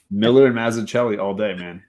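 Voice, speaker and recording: A man co-hosting a casual online chat, relaxed and chatty, often trailing off. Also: fairly low pitch, normal speed.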